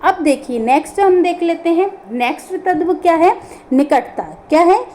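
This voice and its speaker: High-voiced woman teaching grammar. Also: expressive, moderate pace, mellow, slight background noise. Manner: explains step by step, asks and answers her own questions. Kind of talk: online grammar lesson.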